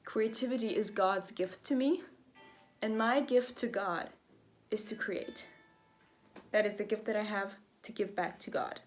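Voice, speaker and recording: In an unhurried, mid-range voice, the young woman thinks out loud in a loose, chatty vlog packed with fillers. Faint jazz music can be heard in the background of this reflective, rambling talk.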